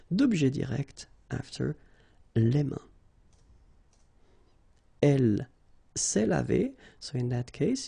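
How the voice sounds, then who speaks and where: A man with a French accent teaches a French grammar lesson patiently, checking in with the listener as he goes. His voice is strongly gravelly and husky, with a dark, mellow tone. It sits a little higher than most men's. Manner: patient, explanatory, says "okay" often. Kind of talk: language lesson explaining grammar.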